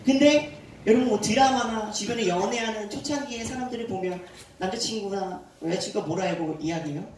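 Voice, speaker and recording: A man who is a youth pastor, preaching a sermon to a youth group and telling the story in a lively way while quizzing his listeners. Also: sits high, fairly quick, slight background noise. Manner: animated storytelling, quizzes the audience. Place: church hall. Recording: echoey hall, far from the mic.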